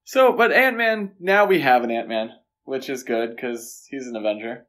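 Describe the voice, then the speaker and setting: A man co-hosting a podcast chats casually about films in a conversational way. His mid-range voice is animated and fairly bright, at a moderate pace.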